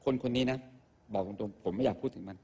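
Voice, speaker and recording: A man's voice: on the low side, quick pace, gravelly, a little mellow, husky. A man doing a stand-up comedy monologue on a live stage, crude, profane and mocking in how he talks. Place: live stage show with an audience.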